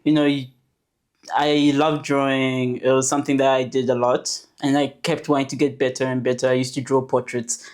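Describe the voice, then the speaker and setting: A woman in her twenties, born in Zambia and raised in South Africa, who is a guest on a podcast and tells her story in a relaxed, chatty way. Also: rumbling low, normal speed. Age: 20s. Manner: relaxed storytelling with fillers and restarts. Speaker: podcast guest, animation producer. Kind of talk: casual podcast interview.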